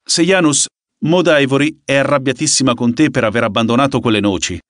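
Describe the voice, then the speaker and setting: Audiobook: defiant young woman, scornful, bites back fast; voiced by male reader, dry close sound. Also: medium pitch, fairly bright tone, no echo, voice pushed up, lightly acted. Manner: scornful, quick to bite back. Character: defiant sharp-tongued young woman singer.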